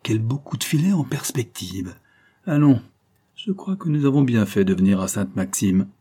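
A man's voice: on the low side, normal speed, mellow, slightly rough. A man reading an audiobook voices a scheming, ruthless female adventuress who gives orders in an imperious, gloating manner. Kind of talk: audiobook character voicing.

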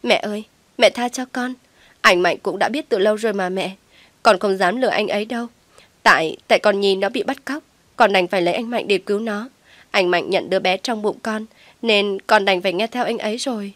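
A frightened young daughter-in-law pleading and begging through tears, as a woman acts her out. Her voice climbs high above the narration, close and dry with no room echo. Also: a little fast, hardly any pauses, natural voice.

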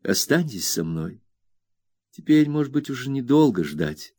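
Man doing a soft, gentle young mother. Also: mid-range voice, very animated, a little slow, husky, no echo, clean studio sound, pitched above the performer's own voice. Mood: tender. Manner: soft, quiet and tender. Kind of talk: audiobook character reading.

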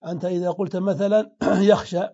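A man's voice: high voice, steady tone, fast, dark tone, dull audio. A man teaching grammar in a classroom lesson, explaining step by step and answering his own questions.

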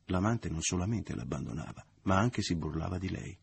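A man narrating a classic novel as an audiobook, in a measured, subdued and expressive reading. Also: deep voice, gravelly, breathy edge.

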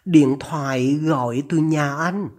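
A narrator voicing a calm, scheming young woman who speaks softly and coaxingly. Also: mid-range voice, slow.

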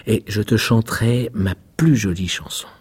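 A man's voice: fairly low pitch, normal speed, darkish tone, breathy edge, pitched above the performer's own voice. A man voicing a small lovesick nightingale, earnest and imploring, as he reads a tale aloud. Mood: pleading.

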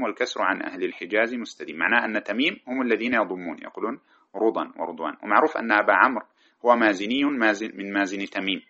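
A man with a lowish, pushed, bright voice lectures on a classical grammar text, going through it line by line. He chants the verses he quotes and corrects himself mid-sentence. The lo-fi recording sounds dull.

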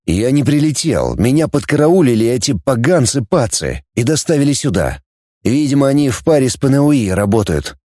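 A man's voice: medium pitch, big pitch swings, fairly quick, dark tone, no echo, clean studio sound. A man playing a cynical, blunt male outcast who talks in a sardonic, scornful way.

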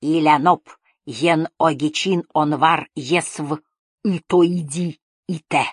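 A woman's voice: low voice, steady tone, takes it slowly, slightly rough, dry recording, studio quality, heavily acted. A woman doing a grumbling old man. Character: old man speaking a strange tongue, grumbling.

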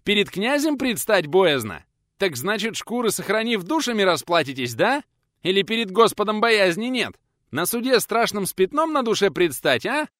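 A man voicing an older retired male schoolteacher, stubborn and quick to fly into a shouting rage. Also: big pitch swings, dry recording, studio quality. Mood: enraged. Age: 60s. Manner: shouting indignantly, high and strained.

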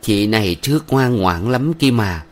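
A preachy middle-aged village matron, as a male narrator puts her on, pitched a little above his low voice and a touch louder. She lectures in a sweetly stern, moralizing way. It is an audiobook reading of a novel. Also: expressive, measured pace. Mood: lecturing.

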